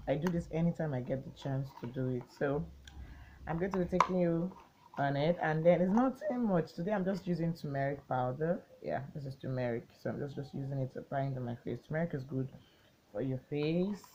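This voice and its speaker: A young woman with a low, deep voice talks through a chatty, rambling storytime for her channel. The home recording sounds muffled and lo-fi. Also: a little hiss or hum. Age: 20s. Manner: chatty, rambling, gets excited recounting the story. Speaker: vlogger. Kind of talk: casual storytime chat.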